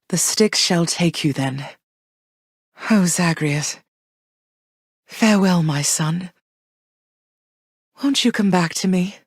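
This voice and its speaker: A woman's voice: fairly low pitch, breathy edge, dry recording, clean studio sound. An actress voicing Persephone, a tender, proud goddess mother who speaks in formal, old-fashioned phrases. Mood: sorrowful. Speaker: game character voice. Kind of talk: game voice lines.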